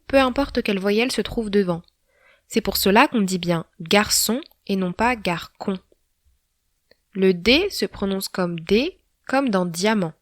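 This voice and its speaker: A woman giving a scripted language lesson, pronouncing each letter and example word slowly and deliberately. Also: mid-range voice, no room sound, studio quality. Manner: slow, deliberate letter-by-letter pronunciation. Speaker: language teacher.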